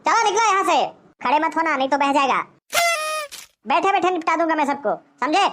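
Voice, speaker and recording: A woman's voice: high voice, expressive, fairly quick, background noise. A woman voicing a boastful, short-tempered cartoon man who blusters threats. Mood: blustering. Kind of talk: cartoon voice acting.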